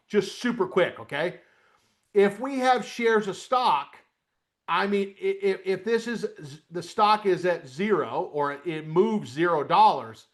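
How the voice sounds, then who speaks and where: In this live webcast, a middle-aged options trading coach from upstate New York talks through his trades in a conversational way, slipping in homespun asides. His voice is pitched slightly high for a man.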